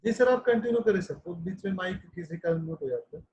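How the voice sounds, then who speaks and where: A man's voice: high-pitched, expressive, fast, a little mellow, breathy edge. A man moderating a webinar, speaking in brief, polite replies over muffled, lo-fi internet call audio. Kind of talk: casual video-call chat.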